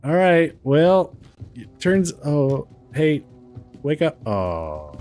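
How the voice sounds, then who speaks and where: A man giving casual gameplay commentary, thinking aloud in a halting, amused way. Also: on the high side, a little mellow, soft background music. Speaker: gamer, let's player.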